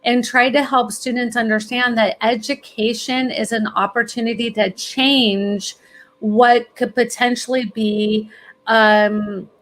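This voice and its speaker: Encouraging woman giving advice, higher voice. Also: steady tone, takes it slowly, fairly bright tone. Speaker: college planning expert, guest. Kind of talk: podcast interview.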